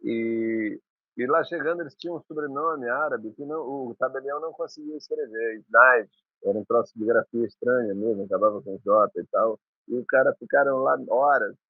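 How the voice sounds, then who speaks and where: Speaking a little fast at medium pitch, a guest musician from Maranhão, Brazil, reminisces in a rambling way with restarts. The storytelling is conversational, with no echo and a phone-like sound.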